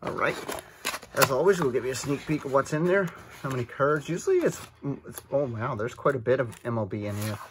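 A man's voice: medium pitch, expressive, fairly quick, noisy background. A man hosting a casual card-opening vlog, chatting with enthusiasm and frequent asides from an indoor table. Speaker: card-opening channel host.

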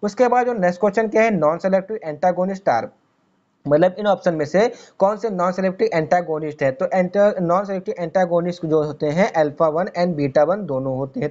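In an exam-prep lecture on multiple-choice pharmacy questions, a man with a fairly high, mellow voice reads each question slowly and then explains it quickly, questioning himself along the way. The audio is a little dull and lo-fi.

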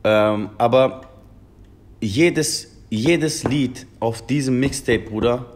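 A man with a mid-range voice speaks slowly: a German rapper in his twenties on a casual phone video call. Seated at a table in a room, he talks earnestly and keeps addressing the interviewer as "Bruder," meaning brother.

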